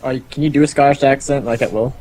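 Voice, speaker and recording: A man's voice: mid-range voice, steady tone, quick pace, a little mellow, poor audio. A man in casual chat, asking curious questions.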